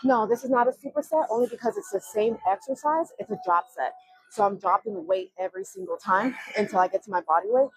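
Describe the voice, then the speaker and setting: A woman's voice: a little high, fast, dry recording, poor audio. Breathless woman counting gym reps. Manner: strained, breathy counting between effort grunts. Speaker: fitness vlogger. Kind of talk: counting reps during a workout.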